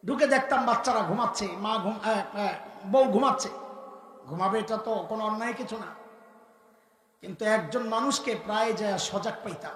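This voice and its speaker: Preacher guy, fiery sermon, keeps quizzing the crowd, really high and bright, big echoey hall. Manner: fervent, quizzes the crowd in call-and-response. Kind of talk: impassioned sermon. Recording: echoey hall with long reverb.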